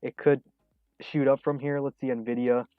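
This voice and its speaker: A man in his twenties hosts a stock trading livestream, reading viewer questions from chat in a relaxed, mid-pitched voice at a normal speed, chuckling often and using lots of ums. The sound is dry, narrow and tinny like a phone line, with soft background music.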